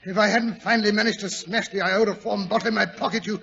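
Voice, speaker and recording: A dull old radio recording holds a pompous older British doctor. The man's voice is high and creaky, and he blusters and stammers as if affronted. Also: fairly even intonation, quick pace, bright, forceful tone, full character voice. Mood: indignant, flustered. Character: indignant, flustered, pompous older English doctor. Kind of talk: 1940s radio drama acting.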